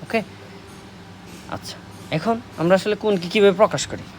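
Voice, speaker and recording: A man with a Bangladeshi Bengali accent tutoring a math class, speaking slowly, repeating key words and answering his own questions. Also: high voice, slight background noise. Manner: slow, repetitive, asks questions and answers them. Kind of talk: classroom lesson explaining at a board.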